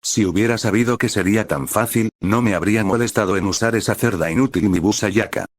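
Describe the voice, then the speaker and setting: A man's voice: lowish voice, fast, no echo, studio quality, close to an everyday voice. A man voicing an arrogant male terrorist leader who mocks and laughs with scorn. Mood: gloating.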